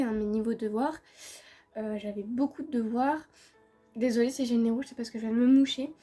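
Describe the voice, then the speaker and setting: A woman's voice: on the high side, mellow. A teenage girl chatting casually while doing her makeup, talking freely with lots of fillers and repeated words, recorded on a phone at home. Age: teens. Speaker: beauty vlogger. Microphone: phone camera.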